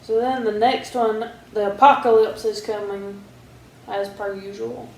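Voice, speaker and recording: A woman's voice: medium pitch, a little slow, gravelly. A woman co-hosting a podcast, chatting casually and wryly while going through her notes. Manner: relaxed, wry, reads out her own notes. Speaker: podcast co-host. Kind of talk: casual chat. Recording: roomy echo, faint background hiss.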